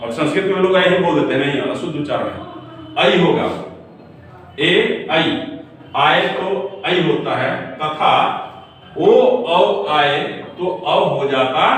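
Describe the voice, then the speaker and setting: A man's voice: a little high, fairly bright tone. A male teacher giving an exam-prep lesson. He asks a question, answers it himself and checks whether the class has followed. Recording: echoey room, far from the mic, faint noise.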